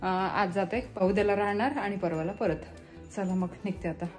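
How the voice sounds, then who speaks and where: A woman's voice: medium pitch, steady tone, moderate pace, soft background music. A woman in her thirties with a Marathi accent, chatting casually in her vlog and explaining products step by step. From Maharashtra, India. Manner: chatty, explains step by step, mixes English words into speech. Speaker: vlogger.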